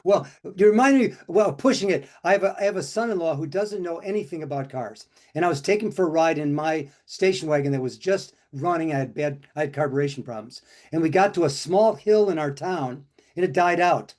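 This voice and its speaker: An older man swaps stories in a loose, rambling chat, circling back and restarting his sentences as he goes. His voice sits a little higher than most men's. He keeps the talk moving. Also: expressive, fairly quick, darkish tone. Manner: rambling, full of restarts and fillers. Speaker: co-host. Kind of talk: casual storytelling chat.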